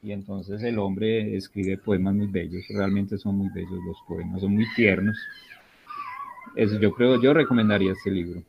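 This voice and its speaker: A man's voice: low voice, steady tone, normal speed, creaky, husky, muffled recording. A man, a literature teacher being interviewed, speaking in an emphatic, enthusiastic way. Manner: emphatic, enthusiastic about books, laughs often. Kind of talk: conversational interview.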